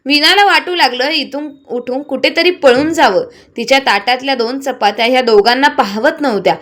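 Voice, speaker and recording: A woman storyteller giving steady, dramatic scripted narration of a moral story. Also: sits high, normal speed.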